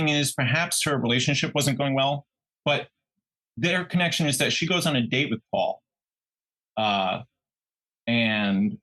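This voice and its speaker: A medium-pitched man co-hosts a true crime podcast, telling the story in an animated, chatty style and voicing people's reactions as he goes, over poor audio.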